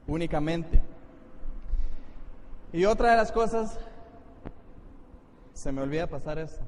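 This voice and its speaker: A man's voice: high-pitched, a little mellow. A man with a Costa Rican accent, a pastor giving a Bible study to his congregation in an explanatory teaching manner. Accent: Costa Rican Spanish. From Costa Rica. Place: church hall. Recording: echoey church hall, faint noise.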